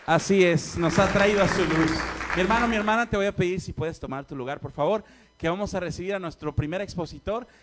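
A man with a high voice leads a church service in a welcoming way. A faint crowd and some noise sit behind his voice. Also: fairly quick. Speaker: service leader. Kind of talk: church announcement.

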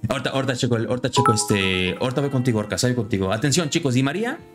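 A man chatting casually on a live stream, friendly and lively, his voice jumping higher when excited. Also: rapid-fire, over music.

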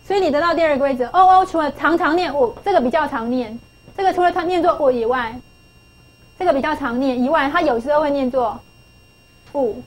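A woman's voice: high voice, quick pace, rough recording. A middle-aged woman teaching English phonics to a class, coaxing pupils with questions and repeating key phrases.

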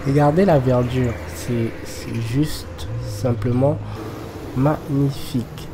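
A man narrates a city walking tour, filming on his phone as he walks beside a busy road. He speaks slowly, pausing often with fillers. Clear background music sits under the voice, along with passing traffic. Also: mid-range voice, steady tone. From Côte d'Ivoire. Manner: slow, hesitant, many fillers.

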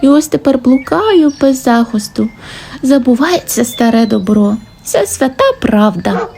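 A woman's voice: sits high, lively intonation, a little slow, gravelly, warm tone, faint music behind, exaggerated voice. A woman doing a sad old dog. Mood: mournful. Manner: mournful, resigned.

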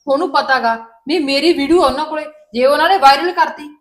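A woman's voice: mid-range voice, lively intonation, normal speed, close to an everyday voice. A woman playing a mother who soothes and coaxes her upset daughter in a family drama. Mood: soothing. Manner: soothing, coaxing, repeatedly calling her child. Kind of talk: Punjabi family drama dialogue.

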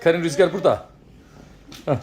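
A woman's voice: sits low, a little fast, noisy background. A woman at home filming a casual vlog, coaxing and laughing as she calls to her pet. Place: home indoors.

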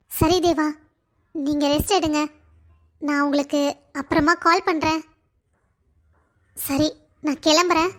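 A woman doing an eager young male suitor. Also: extremely high pitch. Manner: eager, talkative. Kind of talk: cartoon voice acting.

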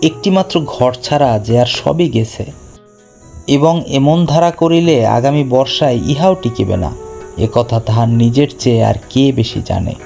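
A man reading a literary short story aloud in a measured, expressive way. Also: mid-range voice, gravelly, faint music behind.

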